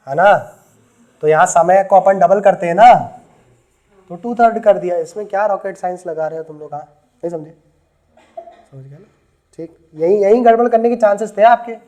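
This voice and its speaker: Male maths tutor, high voice, teasing, repeats dictation to the class. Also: a little mellow. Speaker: maths teacher. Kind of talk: classroom lecture. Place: classroom with students.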